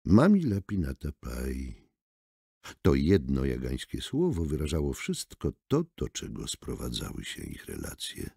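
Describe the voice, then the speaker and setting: Deep gravelly male audiobook narrator. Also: unhurried, no room sound, studio quality. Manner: expressive, theatrical reading. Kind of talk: scripted narration. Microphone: close studio mic.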